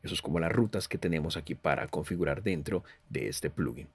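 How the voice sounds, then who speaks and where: With an animated, slightly rough bass voice and a brisk pace, a man walks viewers through a music software review in Spanish. His narration is explanatory, and he frequently repeats and rephrases his points.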